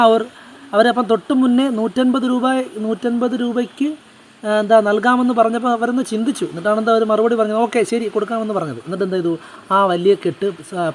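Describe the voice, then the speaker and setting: A man teaches a Hindi lesson, speaking in a fairly high voice. He reads the text aloud slowly, then explains it by asking the class questions and answering them himself. A faint noise sits under the recording.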